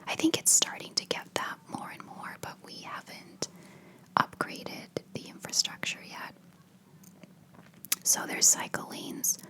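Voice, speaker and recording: A woman whispering in a hushed voice, chatting casually in a rambling ASMR style. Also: poor audio. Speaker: ASMR video creator.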